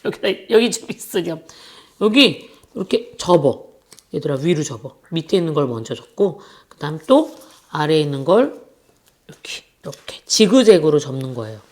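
A woman's voice: low voice, very animated, normal speed, a little mellow. A woman in her thirties who teaches young children, talking them through a paper craft in a playful, chatty, singsong way. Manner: playful, singsong, chatty, addresses kids directly.

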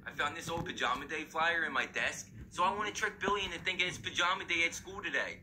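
A man's voice: fairly high pitch, fast talker, pushed and bright, slight background noise. A man voicing a scheming teenage brother plotting a prank in a comedy skit. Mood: sly. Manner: sly, conspiratorial.

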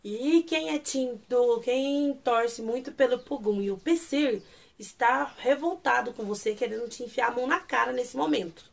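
A woman's voice: a little high, moderate pace, creaky. Brazilian woman gushing through a recap. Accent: Brazilian Portuguese. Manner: animated, gushing retelling. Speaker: series reviewer. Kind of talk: casual episode recap.

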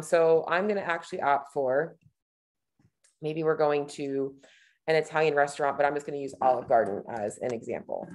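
Speaking in a low, darkish voice, a nutrition coach in her thirties walks through a screen-share tutorial over her webcam. She keeps it casual, clicking along and thinking out loud.

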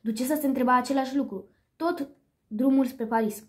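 A woman reading a children's story aloud in a lively way, with a few small slips. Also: high-pitched.

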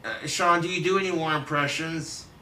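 A man's voice: a little high, steady tone, normal speed, sharp tone, a little hiss or hum. A young man bantering playfully and teasing while trading impressions. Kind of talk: joking banter, doing impressions. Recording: roomy, distant amateur recording.

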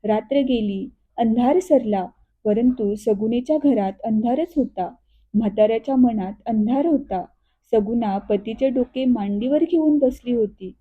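A woman reading a classic story aloud in a steady, expressive way. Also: a little high, measured pace, breathy edge. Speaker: narrator. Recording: thin phone-like audio.

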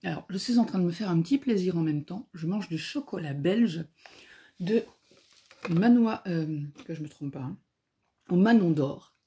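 A woman giving a casual spoken review of a comic book, often pausing and searching for her words. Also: lowish voice, animated, dark tone.

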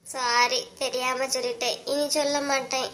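High-voiced village woman with a Kanyakumari accent, as a woman voices her. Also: little pitch movement, normal speed, a bit bright, slight background noise. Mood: tearful. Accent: Kanyakumari Tamil. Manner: chatty, scolding, teasing. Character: village women, gossiping and scolding relatives. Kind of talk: cartoon voice acting.

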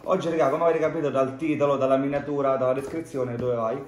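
A man's voice: medium pitch, level tone, fast. A young man talking casually to the camera in an unboxing vlog, chatty and informal with lots of fillers. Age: young adult. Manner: chatty, informal, many filler "cioè" and "raga". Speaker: vlogger. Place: room at a wooden table indoors. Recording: echoey room, faint noise.

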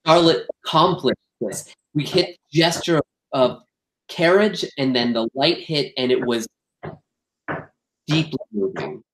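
A man with a medium-pitched voice recounts backstage moments from the theater. He talks in a candid, animated way and acts out what people said. The recording has a roomy echo around him. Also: slow. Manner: animated, acts out quoted exchanges. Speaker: guest, theater actor and director. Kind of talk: candid interview storytelling.

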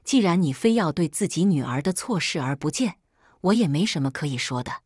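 A harsh female homeroom teacher scolds with a cold, sharp edge, as a woman narrating a storybook puts her on. The voice sits low and a little breathy, recorded close and dry with no room around it. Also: animated, fairly quick, dry recording. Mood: scornful. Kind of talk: storybook reading.

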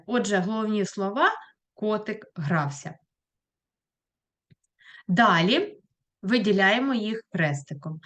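A woman teaching a primary school lesson, talking to children in a clear, patient voice and asking questions as she goes. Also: mid-range voice. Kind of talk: recorded online lesson for children.

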